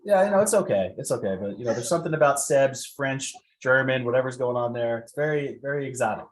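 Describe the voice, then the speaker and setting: A man's voice: medium pitch, lively intonation, quick pace, poor audio. A man co-hosting a casual tech podcast, enthusiastic and conversational. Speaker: podcast co-host.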